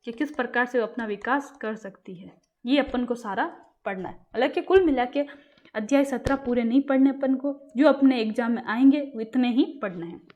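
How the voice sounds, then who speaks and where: Higher-voiced woman teaching exam material. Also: normal speed, dark tone, lo-fi sound. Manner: repeats questions to the class and answers them herself. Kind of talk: casual classroom lecture.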